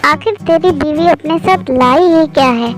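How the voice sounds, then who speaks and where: A woman's voice: sits high, normal speed, lightly acted. A woman voicing a harsh, greedy older pigeon mother-in-law in a cartoon story, scolding and scornful. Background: background music.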